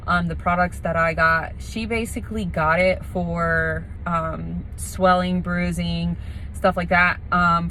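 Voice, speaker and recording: A woman's voice: lowish voice, a bit bright, slight background noise, rough recording. A woman chatting casually as a vlogger, explaining things in an informal, rambling way. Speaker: vlogger preparing for nose surgery. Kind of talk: casual vlog chat.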